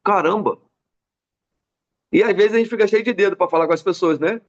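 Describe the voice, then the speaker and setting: A man's voice: high-pitched, rapid-fire, muffled recording. A Brazilian man giving a motivational business mentoring talk, telling stories and acting out the people in them. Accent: Brazilian Portuguese. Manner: animated storyteller acting out dialogue.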